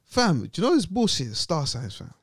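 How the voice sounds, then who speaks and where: A young man with a London roadman accent hosts casual banter in a slightly high, lively voice that swings widely. He rants in thick street slang with exasperation, recorded dry and close. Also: moderate pace, slightly rough, dry recording. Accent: London, urban roadman slang. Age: young adult. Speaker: podcast host.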